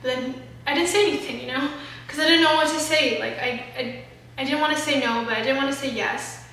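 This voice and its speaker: A young woman with a high, sharp, bright voice talks openly through a long personal story, rambling and swearing as she goes. She is recorded in a very echoey room from some distance. A faint noise sits under her voice. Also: fairly quick. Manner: candid, rambling, with frequent swearing and fillers. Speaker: vlogger. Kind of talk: confessional storytime monologue.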